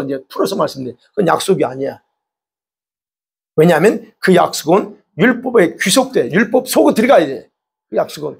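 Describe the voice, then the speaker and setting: A man's voice: sits high, creaky, husky. A pastor preaching a sermon, explaining with rhetorical questions, repeating and stressing his points. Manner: emphatic.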